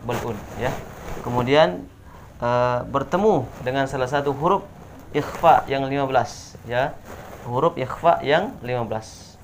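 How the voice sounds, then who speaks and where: A man's voice: medium pitch, a little hiss or hum. Man teaching tajwid with frequent "nah, ya". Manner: explains step by step with frequent "nah" and "ya" fillers; spells out Arabic letters slowly one by one. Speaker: Quran recitation teacher. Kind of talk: tajwid lesson at a whiteboard.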